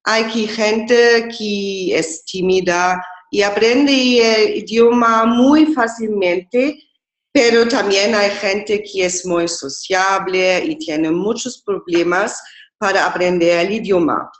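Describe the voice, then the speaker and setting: A woman from Germany whose first language is German, presenting an intercultural webinar in slow, careful Spanish with small slips. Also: medium pitch, roomy sound.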